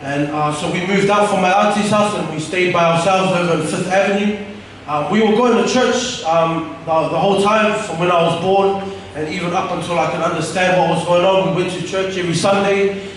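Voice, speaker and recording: A man's voice: high-pitched, fairly even intonation, a little fast, slight background noise. A young man from Tonga telling his life story as a church testimony on a stage with a handheld mic, casual and rambling with many fillers. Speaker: church member giving testimony. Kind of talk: personal testimony talk. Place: church stage, large room. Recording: echoey hall from far off.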